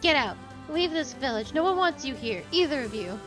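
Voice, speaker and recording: A woman's voice: normal speed, music in the background, natural voice. Woman playing a sneering boy bully. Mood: shrill, angry. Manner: sneering, then shrill and whining. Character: cruel, whiny boy bully, village leader.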